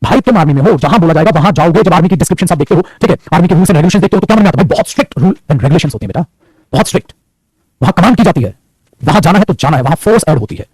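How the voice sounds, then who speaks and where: A high-voiced male teacher talks fast and swoops up and down as he lectures. His voice is a bit husky and sits close and dry on the mic. He teases and scolds his students as he goes. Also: expressive, darkish tone, no echo, faint music behind, poor audio. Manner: scolding, teasing, calls students beta. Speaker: English grammar teacher. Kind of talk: classroom lecture in Hindi mixed with English.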